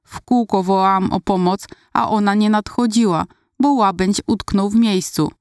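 A woman reads a first-person story aloud in an expressive, lively way. Her voice sits at an everyday middle pitch. The recording is dry and close, with no room echo. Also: normal speed, clear, resonant tone. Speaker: audiobook reader.

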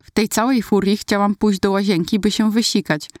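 A woman reading her own childhood story aloud, in steady, even narration. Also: mid-range voice, normal speed, no echo, studio quality. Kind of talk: read-aloud personal story.

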